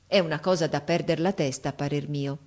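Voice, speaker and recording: A woman's voice: low-pitched, steady tone, fairly quick, a little mellow, voice pushed down, natural voice. A woman reading the lines of a male ship's pilot in a storybook, wondering and rambling. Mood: puzzled.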